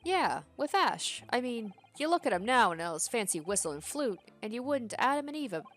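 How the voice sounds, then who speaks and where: A cheeky, shifty crook acted out by a woman reading game dialogue. The talk is matey and full of slang, with animated pitch and faint music behind it. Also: brisk. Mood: nostalgic. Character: rough, cheeky working-class male crook, chummy and shifty. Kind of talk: video game character read-aloud.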